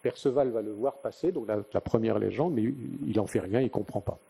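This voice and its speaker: This older northern French conference speaker talks a little fast in a fairly low, warm voice, slightly rough and touched with vocal fry. Lecturing live at the venue, he spins conversational stories and poses rhetorical questions.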